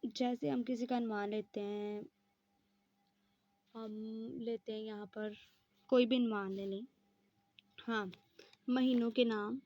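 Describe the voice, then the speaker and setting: A woman's voice: fairly high pitch, fairly even intonation, slow, long pauses, mellow, no room sound, dull audio. A woman teaching an exam-prep lesson, explaining step by step and answering her own questions.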